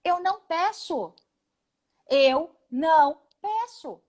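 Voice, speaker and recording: Speaking over video as a guest in a live interview, this congresswoman from Paraná, Brazil, is in her forties and has a high-pitched, expressive voice with a darkish tone. She sounds emphatic and indignant, with a Brazilian Portuguese accent, and frequently runs through rapid lists.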